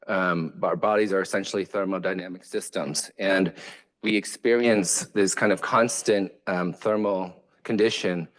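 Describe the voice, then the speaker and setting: A low-voiced man, a Vietnamese-speaking architect, gives an academic lecture at a moderate pace with fairly even intonation. He delivers it hesitantly, full of fillers and restarts.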